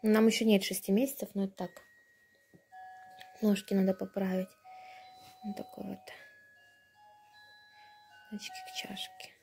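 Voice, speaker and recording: A young mother who vlogs chats casually at home while unboxing her purchases, filming on a handheld phone from behind the camera over tiled and wooden floors. Her mellow voice sits at medium pitch with little movement, moving at normal speed with frequent pauses. Faint music plays in the background.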